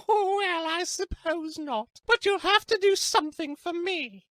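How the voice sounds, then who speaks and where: A brash, flirty working-class woman in a game. She is sarcastic and saucy, with a very high voice that sounds close and dry. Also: takes it slowly, a bit bright, dry recording, exaggerated voice.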